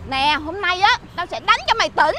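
A woman playing a furious betrayed wife, very high and shrill. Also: expressive, brisk, heavy background noise. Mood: angry. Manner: shrill scolding, shouting insults. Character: furious middle-aged wife confronting cheating husband. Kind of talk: low-budget moral skit acting. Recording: loud music bed behind.

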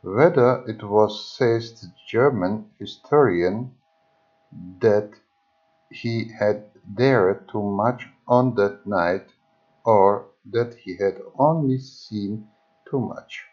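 A man reading an old history book aloud, haltingly, often restarting words. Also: on the low side, muffled recording, soft background music. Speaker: reader. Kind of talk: slow audiobook reading of history.

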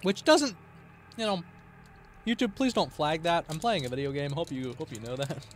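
A male streamer giving casual gameplay commentary, playful and excitable, often breaking into laughter and sudden outbursts. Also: fairly high pitch, normal speed, a little hiss or hum.

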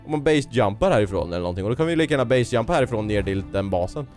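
A man's voice: medium pitch, faint music behind. A young man chatting casually and joking while playing a co-op game. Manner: joking, teasing, excitable. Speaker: gaming YouTuber. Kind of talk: casual co-op gameplay chat.

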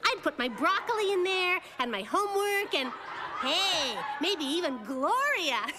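A woman's voice: very high voice, sing-song, a little slow, very noisy, heavily acted. A woman voicing a bossy, self-assured little girl in a children's cartoon, with a plain, wry delivery. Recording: background music under the voice.

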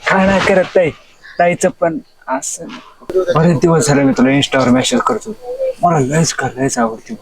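A man's voice: high voice, unhurried, creaky, over a noisy crowd, rough recording. Young man, pleading. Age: young adult. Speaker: college boy in a comedy sketch. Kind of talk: acted comedy sketch dialogue.

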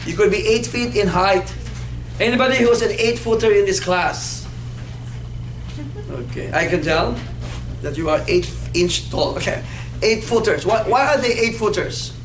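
Standing at a whiteboard, a man in his fifties teaches anatomy with playful energy, drawing answers from his students as he goes. He speaks at a measured pace in a voice that sits high, and the far camera captures an echoey room with background noise.

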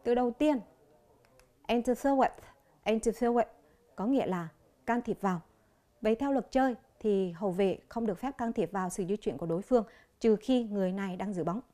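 A woman from Vietnam with a Vietnamese accent, teaching an English vocabulary lesson on television, speaking slowly and clearly and repeating each word. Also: medium pitch, dark tone.

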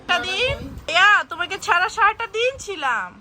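High-voiced mother coaxing her kids. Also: big pitch swings, fairly quick, noisy background. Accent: Bangladeshi Bengali. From Bangladesh. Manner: coaxing, sing-song talk to small children. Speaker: mother and vlogger. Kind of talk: casual family vlog. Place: home bedroom, indoors.

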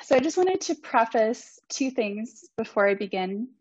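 A student presenter in her twenties, not a native Icelandic speaker, gives an academic conference talk over a video call, polite and earnest with many ums. Her fairly high, darkish, slightly rough voice is expressive at a moderate pace. The computer mic yields dry, slightly dull audio with no room sound.

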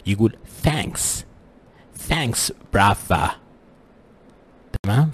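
A man with a slightly husky voice giving a casual language lesson, explaining pronunciation with spoken examples and English words mixed in. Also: medium pitch, a little mellow. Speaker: language teacher.

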